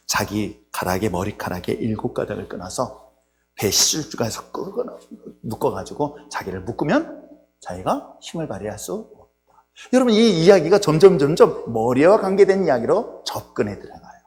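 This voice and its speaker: Male pastor, sermon, lively storyteller with jokes for the congregation; echoing church hall. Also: medium pitch, moderate pace. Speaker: senior pastor. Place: church sanctuary. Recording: long reverb in a church hall, faint hum.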